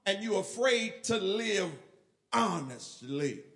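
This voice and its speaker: A male pastor preaching a sermon, shifting from quiet, low asides to shouted and half-sung lines. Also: expressive, slow.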